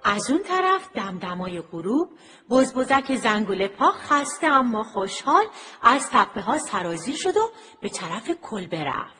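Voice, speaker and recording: A woman's voice: on the high side, sing-song, pushed and bright. A woman narrating a children's story expressively, over music.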